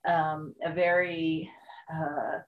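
A woman's voice: low voice, little pitch movement, very slow, narrow, tinny audio. A woman talking earnestly and reflectively in a casual spiritual conversation, with frequent fillers.

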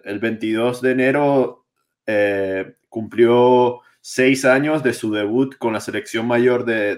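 A man with a mid-pitched voice co-hosts a relaxed chat. He adds short, friendly comments. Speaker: podcast host. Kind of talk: casual chat.

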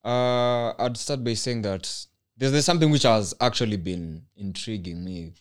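A man's voice: medium pitch, moderate pace, smooth. A man hosting a casual podcast, chatting in slangy mixed speech. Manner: slangy, mixes English and Swahili. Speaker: podcast host.

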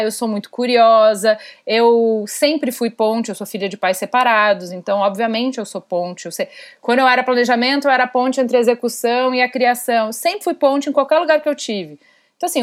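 A woman in her thirties with a Brazilian Portuguese accent and a fairly high voice appears as a guest on a podcast. Normally a host herself, she speaks candidly, bluntly, and ironically, swearing a fair amount.

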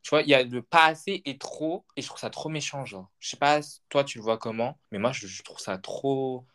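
A man's voice: mid-range voice, normal speed, a bit bright. Chatty young man hosting a podcast. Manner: chatty, many fillers like genre, mixes in English. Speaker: podcast host. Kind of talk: casual podcast chat.

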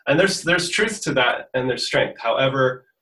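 A musician guest, born in the US and raised in Portugal from age fifteen, answers interview questions in a bright, forceful, medium-pitched voice with lively intonation at a moderate pace. Earnest and reflective, he thinks aloud and restarts phrases as he works out his ideas. He sits far from the mic, and the recording has a roomy echo.

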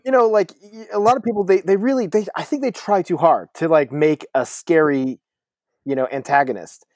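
A man co-hosting a casual podcast, talking excitedly and laughing often. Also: a little high, normal speed, no echo, studio quality. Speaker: podcast co-host. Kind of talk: casual chat.

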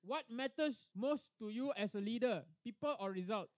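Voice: medium pitch, lively intonation, normal speed, no room sound. A host with a Malaysian English accent, moderating a playful mock debate in casual comedic podcast banter and often stumbling over words.

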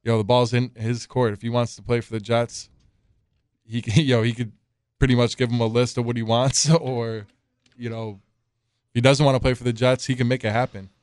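A man's voice: mid-range voice, level tone, a little fast, darkish tone, clean tone, no echo, studio quality. A man co-hosting a casual sports podcast, talking through picks with lots of "you know" and restarts. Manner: hesitant, lots of fillers and restarts. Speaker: podcast co-host.

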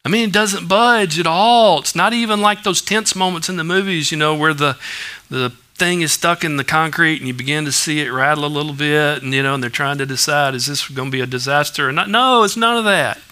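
A man preaches in a relaxed, conversational style, full of everyday stories and asides. His voice is bright and forward and sits a little high for a man. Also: a little fast, smooth. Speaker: pastor. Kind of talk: sermon.

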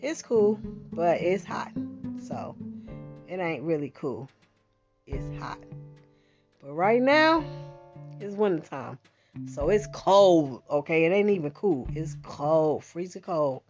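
A woman born in the Bahamas and raised in Philadelphia hosts a podcast, delivering a casual monologue slowly in a deep voice with big pitch swings. She's chatty and slangy, full of fillers and asides. The recording sounds dull and lo-fi, with guitar music playing behind her.

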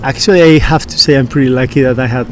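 A man with a Basque accent answering interview questions conversationally, with halting, searching phrasing. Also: mid-range voice, fairly even intonation. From Basque Country, Spain. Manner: hesitant, halting phrasing with frequent searching pauses. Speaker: professional surfer and engineer, interview guest.

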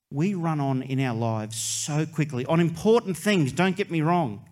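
A man, a pastor preaching a sermon in an earnest way, with long pauses and soft dramatic drops. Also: medium pitch.

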